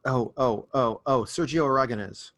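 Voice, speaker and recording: A man playing a tabletop game, wry and quick to argue in character. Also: mid-range voice, fairly bright tone. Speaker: player.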